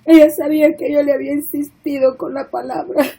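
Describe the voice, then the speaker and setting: A woman's voice: high voice, flat delivery, a little fast, gravelly, dark tone, low-quality recording. A woman telling a spoken religious testimony in an earnest, emotional way, tearful at times. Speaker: woman giving a church testimony.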